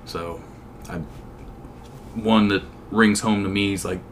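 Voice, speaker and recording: A man co-hosting a casual sports podcast, talking in halting, hesitant phrases. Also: on the low side, fairly even intonation, slight background noise. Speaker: podcast co-host.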